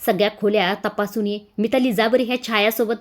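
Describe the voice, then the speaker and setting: A scornful, sharp-tongued lady of the house who snaps and insults, as a woman reads her. The lines are spoken in a middle pitch and rise in force. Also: fairly even intonation, a little fast, close to an everyday voice. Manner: scornful and shouting.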